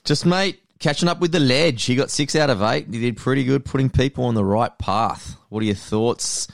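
An Australian man hosting a casual sports podcast, chatty and relaxed as he runs through the segments. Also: medium pitch, normal speed, vocal fry, no room sound, studio quality. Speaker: podcast host. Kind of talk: casual sports fantasy chat.

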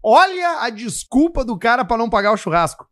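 A man's voice: extremely high pitch, sing-song, a little fast, fairly bright tone. A man co-hosting a comedy podcast, telling stories in a joking, laughing way. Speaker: podcast co-host.

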